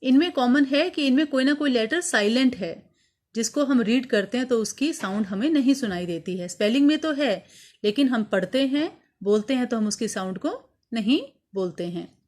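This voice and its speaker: A woman's voice: fairly high pitch, animated, a little mellow. A woman from India with an Indian English accent, teaching an English textbook lesson and explaining it in Hindi. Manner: reads English lines slowly, then explains in Hindi.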